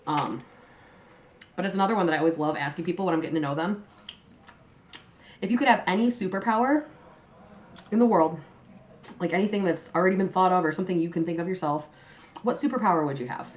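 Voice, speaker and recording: A mukbang host with a lowish voice speaks quickly but leaves long pauses, chatting to viewers in a slangy, casual way while eating. She eats messily as she talks and spins sweary stories, acting out what people said.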